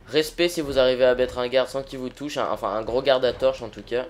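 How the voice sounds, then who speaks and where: A man's voice: medium pitch, steady tone, brisk. A man hosting a let's play, chatting informally and a little hesitantly to viewers as he improvises gameplay commentary.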